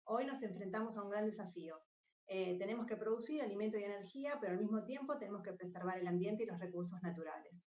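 A woman explains her startup's technology in a clear, lightly scripted pitch. She sits away from the mic in an echoey room, and the call audio sounds dull and muffled. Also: fast talker, mellow. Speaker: R&D lead presenting a startup. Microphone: video call. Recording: roomy, distant, dull video-call audio.

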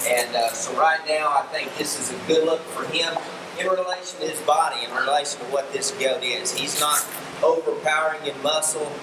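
Speaking at a normal speed in a voice that's a little high, a middle-aged man shows how he grooms a goat for show, pausing with ums and restarting often in a relaxed manner. He's a livestock fitting instructor and show judge giving a demonstration tutorial. The setting is a large indoor barn arena, recorded from a distance on a camera mic with echo and air conditioning hum.

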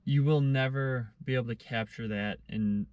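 A man's voice: medium pitch, moderate pace, lo-fi sound. A young man in his twenties talking casually to the camera from the cab of his parked pickup, chatty and enthusiastic. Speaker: travel vlogger. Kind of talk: casual vlog talk to camera. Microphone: camera on the dashboard.

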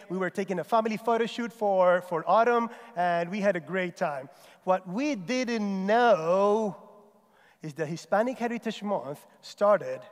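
A middle-aged man from Puerto Rico with a Puerto Rican accent, giving an animated chapel talk with stories and self-deprecating humor. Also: sits high. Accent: Puerto Rican Spanish. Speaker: chapel speaker. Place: large stage in an auditorium. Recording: long hall reverb.

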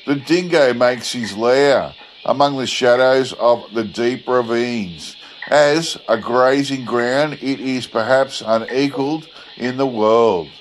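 Slow-paced male storyteller, slight background noise. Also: medium pitch, poor audio. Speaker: narrator. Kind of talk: scripted narration of an old bush yarn.

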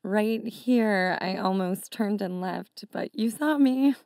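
A woman's voice: medium pitch, slow, a little mellow, dry recording, studio quality. An actress in her thirties with an American accent, playing an awkward, exasperated ex-girlfriend in a comedy sketch, speaking candidly. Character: awkward, exasperated young ex-girlfriend who has moved on.

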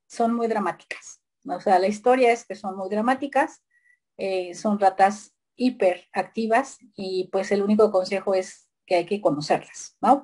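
A woman's voice: mid-range voice, darkish tone. A woman giving a lecture over slides in a conversational way, with many fillers and tag questions.

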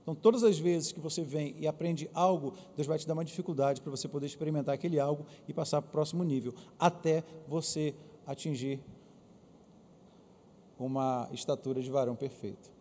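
A man with a Brazilian Portuguese accent preaching a lively sermon as pastor, calling on the congregation to answer aloud. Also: on the high side, brisk. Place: church auditorium. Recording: long reverb of a church hall.

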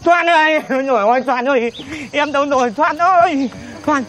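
A man's voice: extremely high pitch, moderate pace, heavy background noise. An actor playing a panicky, cowardly young male suitor in a village comedy film, wailing and stammering. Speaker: comic lead in a comedy film. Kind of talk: slapstick comedy film acting.

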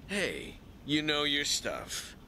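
An actor playing a blunt, confrontational, short-tempered former gangster in a video game, with a sneering, slangy delivery. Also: male voice, on the high side, huge pitch swings, slow pace, sharp tone, slight background noise, exaggerated voice. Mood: guarded, surly. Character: gruff, short-tempered male ex-gangster seeking work.

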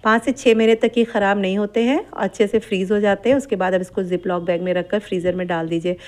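In a home kitchen, a middle-aged woman who hosts a cooking channel patiently narrates a home recipe as a voice-over. She speaks fast but steadily and instructively, explaining each step and going back over the amounts. Her pitch is in the ordinary middle range for a woman.

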